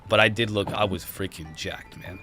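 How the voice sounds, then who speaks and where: A man in his thirties hosting a podcast, chatting casually with quick, excitable exclamations. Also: low voice, faint music behind. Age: 30s. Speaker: podcast host. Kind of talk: casual chat.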